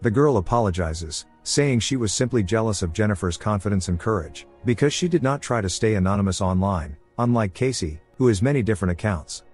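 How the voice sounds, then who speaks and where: Low husky male recap narrator. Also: animated, brisk, hardly any pauses. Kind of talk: scripted film recap narration. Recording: narration with faint music underneath. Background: soft background music.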